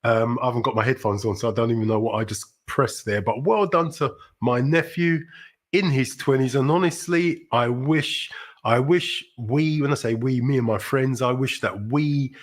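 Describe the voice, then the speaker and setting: A man's voice: medium pitch, normal speed. A middle-aged man from South London with a London accent, hosting a casual livestream in a chatty, rambling way with sudden upbeat exclamations. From South London, England. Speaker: livestream host.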